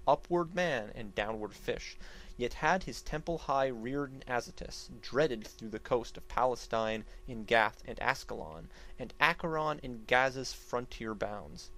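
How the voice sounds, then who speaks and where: A man's voice: mid-range voice, expressive, a little slow, fairly bright tone, rough recording. Theatrical man declaiming epic verse. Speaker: narrator reading an epic poem. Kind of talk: dramatic reading of archaic epic verse.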